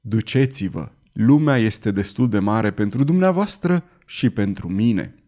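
A man's voice: lowish voice, animated, warm tone, close to an everyday voice. A man reading an audiobook, voicing a fussy, pedantic male entomologist who takes offense easily. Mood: prim.

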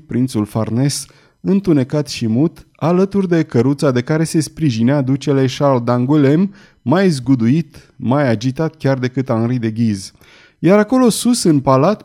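A man narrating a historical novel in an expressive, theatrical reading style. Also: mid-range voice. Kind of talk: dramatic audiobook narration.

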